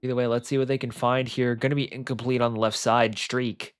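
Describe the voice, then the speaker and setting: A young man doing live play-by-play commentary on an online football game, excitable and rambling, with lots of filler words. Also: mid-range voice, fairly quick, clear, resonant tone.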